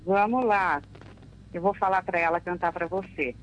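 A woman's voice: on the low side, moderate pace, a little hiss or hum, rough recording. An older Brazilian woman calling a radio show, grateful and laughing often as she talks. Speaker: caller. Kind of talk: phone chat on radio.

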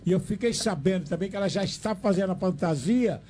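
Brief: older Brazilian male radio host, fond chatty tone, dark mellow timbre, a bit high. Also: fast, a little hiss or hum. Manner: chatty, fond, preachy asides. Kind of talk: radio talk show.

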